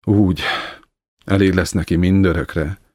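Egy férfi, aki egy szigorú, kérlelhetetlen öregasszonyt szólaltat meg mogorva, kurta mondatokkal. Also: male voice, low voice, fairly even intonation, dark tone, no room sound, clean studio sound. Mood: stern. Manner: curt, harsh, grumbling. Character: stern, unforgiving old woman, a hard mother-in-law.

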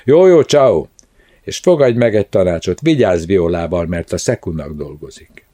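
A man reading the part of a brash, teasing male friend who jokes loudly and crudely. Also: low-pitched, expressive. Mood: jovial. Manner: loud, backslapping banter.

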